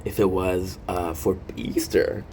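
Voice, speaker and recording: Slow and flat, with a low, darkish voice, a thirtysomething man runs a rambling, casual vlog. He reads material aloud and comments on it, tossing in jokey asides and breaking off his own sentences, and there's clear background noise behind him.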